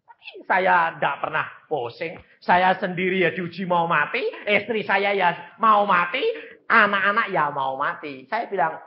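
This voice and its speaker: Elderly Javanese-accented evangelist, high lively delivery, muffled lo-fi tape. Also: male voice, unhurried. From Central Java, Indonesia. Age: around 80. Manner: emphatic, folksy, addresses the congregation directly. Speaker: evangelist preacher. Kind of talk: sermon.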